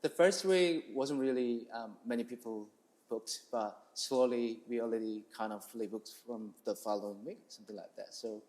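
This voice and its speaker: Being interviewed as a chef, this man from South Korea tells his story casually, his English hesitant and non-native with a Korean accent. He talks at a moderate pace in a mid-range, slightly mellow voice.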